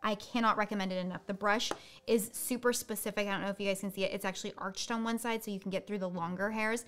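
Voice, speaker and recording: A woman hosting a live makeup tutorial, chatting quickly through each product. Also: mid-range voice, steady tone. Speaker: beauty host.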